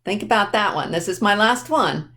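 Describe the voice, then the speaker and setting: Her mid-range voice bright, pushed, and expressive, a woman presents a children's storytime lesson in simple terms, deliberately spelling things out and checking understanding with questions.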